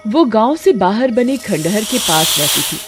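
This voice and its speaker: A woman giving steady, scripted narration of a cartoon story. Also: mid-range voice, measured pace, music in the background.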